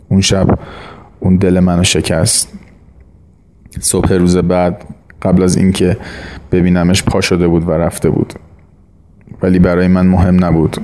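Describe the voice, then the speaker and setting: A man narrating a short story in a slow, measured audiobook reading. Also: deep voice, a little mellow.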